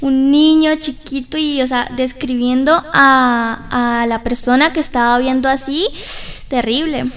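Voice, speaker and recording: A woman's voice: high voice, fairly even intonation, unhurried, fairly bright tone, smooth. A woman co-hosting a radio show, chatting in a rambling way with many fillers. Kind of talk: casual chat.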